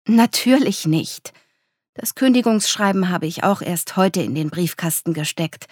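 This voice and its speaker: A woman's voice: on the low side, animated, measured pace, dry recording, studio quality. A woman reading aloud voices a frightened young woman who has fled an abusive man, speaking in a choked, anxious voice. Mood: anxious, tearful. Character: distressed young woman fleeing abuse.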